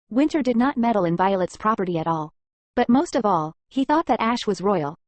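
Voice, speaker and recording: A woman narrating a comic story recap in an even, plain reading manner. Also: medium pitch, dry recording.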